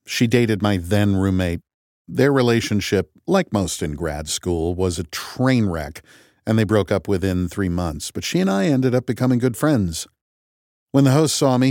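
A man narrating an audiobook in the first person, measured and wry, as if thinking aloud. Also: lowish voice, a little mellow, no room sound, clean studio sound.

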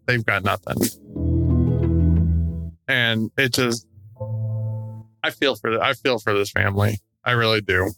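A man co-hosting a podcast, giving opinionated conversational commentary in a frustrated, halting, emphatic way. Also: lowish voice. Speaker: true crime podcast co-host.

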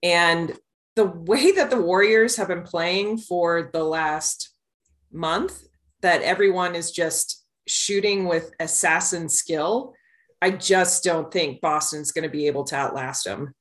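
A woman co-hosting a sports podcast, chatting casually and explaining her opinions in an informal, measured way. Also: lowish voice. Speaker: podcast co-host. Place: podcast studio.

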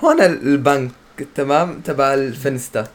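A man's voice: medium pitch, a little fast. Male speaker, Syrian Arabic accent, informal storytelling among friends. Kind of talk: casual anecdote among friends.

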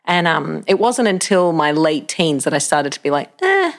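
A woman with an Australian accent, a pastor telling lively stories as a guest in a casual home interview. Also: deep voice, normal speed, creaky. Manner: animated, laughing storyteller. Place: home, indoors.

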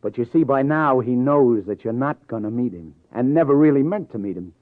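In a 1950s radio crime drama, an actor plays a wry, hard-boiled New police detective with sardonic, clipped tough-guy delivery, sounding accusing. His animated, mid-range voice is fairly quick and close to everyday speech, with no room sound, though the broadcast is tinny with faint music.

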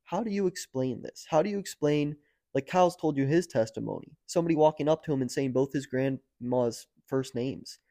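Young American man, podcast guest, casual storyteller; dry close mic, gets animated and loud at the peaks. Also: brisk, no room sound. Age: young adult. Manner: animated, rising to near-shouting at high points, lots of "like" and "dude".

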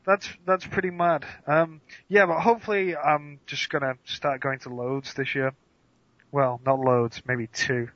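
An English-accented man chatting casually as a podcast guest, relaxed and quick to laugh. The sound is dry with no room, and muffled like lo-fi audio. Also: fairly high pitch, dry recording. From England. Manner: easygoing, laughs easily. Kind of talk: casual chat.

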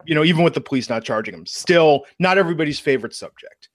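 A man's voice: fairly high pitch, lively intonation, fast talker, no room sound, studio quality. A man co-hosting a podcast, chatting casually and animatedly about wrestling news. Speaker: podcast co-host. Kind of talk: casual wrestling talk chat.

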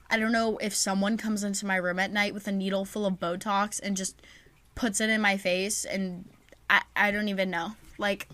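A young woman talks straight into a close mic in a casual, chatty advice episode. Her pitch sits in the middle and she fills her talk with "like" and "you know". The sound is dry, with no room around it. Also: a bit bright, no echo. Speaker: podcast host.

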